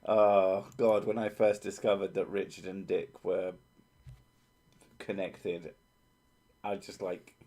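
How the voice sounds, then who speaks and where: A man's voice: sits low, level tone, takes it slowly, long pauses, mellow. A British man who sometimes drops his T's into glottal stops, chatting casually with sweary, sardonic banter. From Britain. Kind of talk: casual joking chat.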